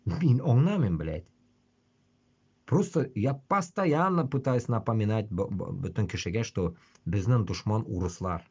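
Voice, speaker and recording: Husky man ranting, swinging pitch. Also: expressive, measured pace, a little mellow, highs cut off. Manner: blunt, constantly swearing. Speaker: livestream host. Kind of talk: casual rambling livestream rant.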